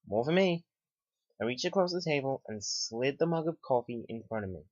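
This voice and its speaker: A man narrating a first-person horror story in a calm, unhurried way. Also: medium pitch, no echo. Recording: dry, slightly dull lo-fi home recording.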